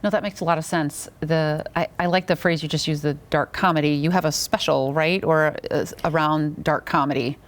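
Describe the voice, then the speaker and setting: A woman's voice: deep voice, steady tone, moderate pace, few pauses. A woman who interviews a guest as a doctor and teacher, reflective and affirming, with frequent agreeing murmurs. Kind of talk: interview conversation.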